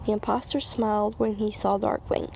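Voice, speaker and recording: A woman's voice: mid-range voice, level tone, moderate pace, vocal fry, a little mellow, slight background noise. A woman reading a children's storybook aloud, stumbling and repeating phrases, with casual asides. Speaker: reader.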